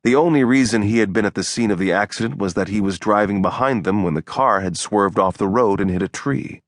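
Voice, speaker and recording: Deep-voiced male audiobook narrator. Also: brisk, no echo, clean studio sound. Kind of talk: scripted narration.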